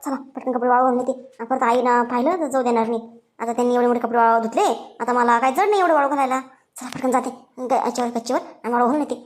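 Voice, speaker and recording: A woman's voice: on the high side, steady tone, very fast, soft background music, natural voice. A woman voicing a sly plotting young woman. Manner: sly, muttering to herself. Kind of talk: Marathi cartoon story dubbing.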